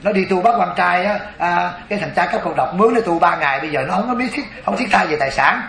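A man's voice: sits high, animated, fast talker, gravelly, a bit bright, roomy sound, heavily acted. A man voicing a wealthy, scheming old woman, talking in a wheedling, chatty way. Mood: coaxing.

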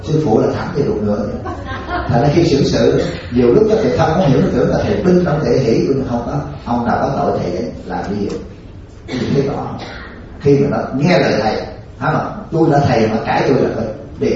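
Male monk, folksy teasing dharma talk, mid-pitched, heard from afar in a very echoey hall on a dull lo-fi recording. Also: expressive, fast, warm tone. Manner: folksy and joking, laughs often, checks in with listeners. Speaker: Buddhist monk teacher. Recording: distant, echoey, dull lo-fi with faint hiss.

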